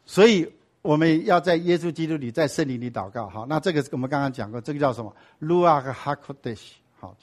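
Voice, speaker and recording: A man's voice: medium pitch, slightly rough. A man teaching a sermon-style Bible class. He keeps asking the class rhetorical questions and drops in English and Hebrew words.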